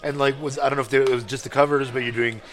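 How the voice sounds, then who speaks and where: A man co-hosting a podcast, speaking haltingly and groping for words. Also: medium pitch, fairly even intonation. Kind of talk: casual podcast chat.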